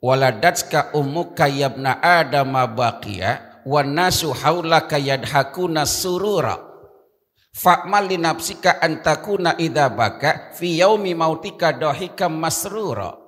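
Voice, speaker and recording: Guy preaching a dawn sermon in a mosque hall, slow and bright, chants arabic bits, long echo. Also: expressive. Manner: swings between high emphatic rhymes and low asides; chants Arabic verses between talk.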